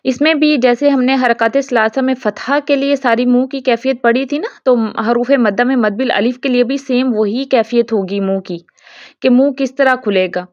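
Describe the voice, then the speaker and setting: A woman teaching Quran pronunciation rules, explaining step by step and checking in with her students. She draws out the example words slowly when she recites them. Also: fairly high pitch, no room sound, highs cut off. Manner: explains step by step, keeps checking with "theek hai". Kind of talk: online tajweed lesson.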